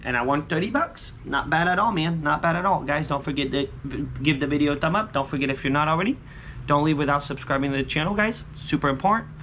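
A man's voice: a little high, fast, fairly bright tone. Casual male vlogger, noisy outdoor recording. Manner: informal, repetitive, punchy short phrases. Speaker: scratch-off lottery video host. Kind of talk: casual chat to viewers while scratching tickets. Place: covered outdoor patio by a pool. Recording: clear ambient background noise.

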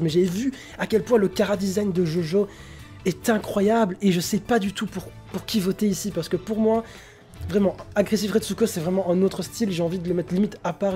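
A man's voice: sits high, fairly quick, mellow, soft background music. A young man giving casual, opinionated commentary, enthusiastic and hesitant with many fillers. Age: young adult. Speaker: anime YouTuber.

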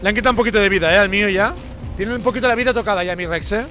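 A man from Spain streams a game in a very high, fast voice, piling on exclamations and repeating himself. His tone is bright and sharp, with faint music underneath. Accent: Spain Spanish. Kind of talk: excited gameplay commentary.

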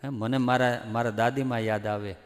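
An earnest religious speaker from Gujarat, a man of middling pitch, pleads with his audience and presses his points with emphatic warnings. A long hall reverb trails every phrase. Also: fairly even intonation, normal speed. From Gujarat, India. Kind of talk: devotional discourse.

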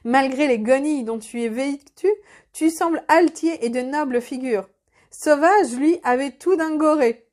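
A woman's voice: high voice, unhurried, darkish tone. Brief: taunting male guards, read by a woman, raised mocking storybook voice. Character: gruff male castle guards, mocking and scornful.

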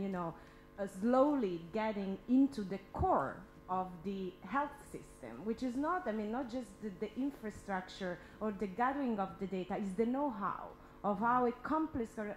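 A woman in her thirties speaking as a panelist in an impromptu discussion, halting and repeating words as she argues earnestly into a handheld microphone. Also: medium pitch. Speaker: symposium panelist. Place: indoor symposium room. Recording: roomy hall echo, noise and hum.

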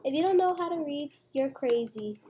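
A young girl with a high, warm, expressive voice plays a restaurant game at home, speaking at normal speed. She chats playfully and narrates each move as she goes. Faint background noise and mouse clicks can be heard.

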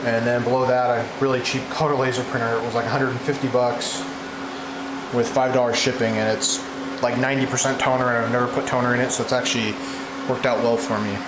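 Man with a relaxed, rambling voice, loud fans behind. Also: medium pitch. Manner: relaxed, rambling, with fillers and restarts. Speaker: home server hobbyist giving a tour. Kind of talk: casual walkthrough narration. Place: small home server room indoors. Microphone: handheld camera mic, filming while walking. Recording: roomy with loud fan and AC hum.

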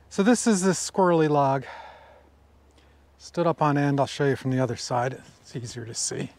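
A fairly high-pitched middle-aged man runs a sawmill in a wooded yard outdoors, chatting casually to an action camera mounted on the mill. He muses, talks to himself, and drops admiring remarks about the wood as he works.

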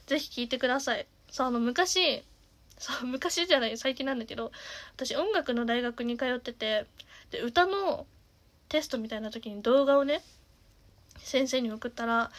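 Casual chat comes from a singer-streamer in her twenties whose fairly high voice is naturally nasal. Her speech is full of fillers, with an occasional soft half-whisper.

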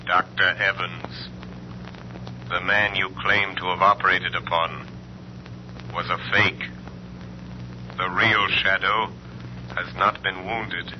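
An actor playing a stern, mysterious crime-fighting vigilante in 1930s radio style, deliberate and theatrical. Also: male voice, deep voice, level tone. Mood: stern, challenging. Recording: scratchy, dull 1930s radio recording.

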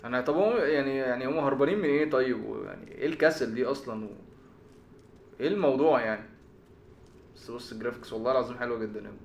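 A man with an Egyptian Arabic accent giving excitable live game commentary, with shouted exclamations and stammered repeats. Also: medium pitch, racing, echoey room, slight background noise. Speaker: gaming video host.

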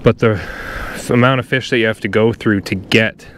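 A lowish-voiced Canadian kayaker speaks at a moderate pace with fairly even intonation, casually chatting to viewers as he fishes on open water. The clear outdoor recording carries the sound of wind and water.

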